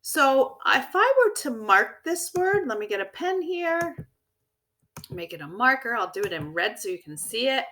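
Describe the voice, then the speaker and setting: A woman teacher giving a recorded vocabulary lesson to young children, explaining clearly and encouragingly and checking in with "right?" and "okay?". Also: fairly high pitch, sing-song, normal speed, pushed and bright. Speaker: elementary school teacher.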